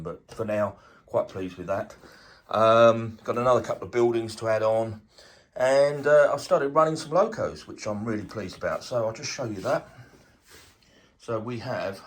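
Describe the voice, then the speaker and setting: A man casually talking through his model railway build, relaxed and rambling with lots of fillers, recorded indoors at a table. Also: on the low side. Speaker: model railway hobbyist host. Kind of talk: casual workshop vlog. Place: indoors at a dining room table layout.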